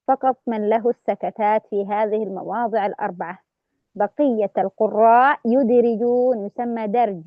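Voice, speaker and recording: A woman with a high voice teaches recitation rules and recites verses slowly to show them. The sound is dry and close, with a dull, lo-fi tone. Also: no echo. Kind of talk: tajweed lesson with recited examples.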